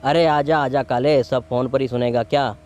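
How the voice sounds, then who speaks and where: A man's voice: mid-range voice, fairly even intonation, moderate pace, darkish tone, highs cut off, a little hiss or hum, lightly acted. A man voicing a brash, defiant young gang member in a game roleplay. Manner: brash, challenging.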